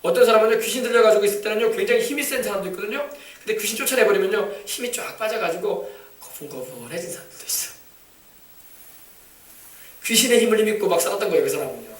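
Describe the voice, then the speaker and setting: A man preaching a sermon, emphatic and shouting commands at demons, often asking the congregation for replies. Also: high-pitched, expressive, quick pace. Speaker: pastor. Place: church sanctuary. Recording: echoey church, mic from a distance.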